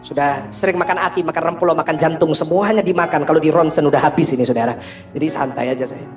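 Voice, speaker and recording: A man preaching a sermon as senior pastor, animated and joking as he talks straight to the congregation. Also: a little high, fast talker, soft background music.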